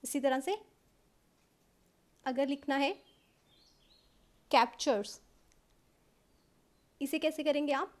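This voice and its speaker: A woman with an Indian accent teaching a shorthand lesson step by step. She explains patiently, checks in with "okay" often, and slows down to dictate rules. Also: sits high, fairly even intonation. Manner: patient explaining, frequent "okay" checks, mixes English terms into Hindi; slows right down to dictate English rule lines.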